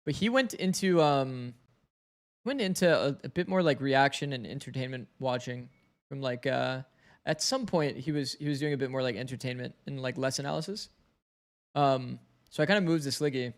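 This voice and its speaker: A man streams an esports match and chats casually with viewers, breaking down the plays. Heavy streaming has left his medium-pitched voice slightly raspy, and he keeps talking at a moderate pace, thinking out loud.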